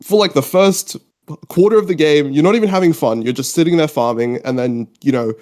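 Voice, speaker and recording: A man's voice: on the high side, brisk, a little mellow. Informal young man from Australia, rambling casually. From Australia, born in Mauritius, lived in UK. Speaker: podcast guest. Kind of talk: casual chat.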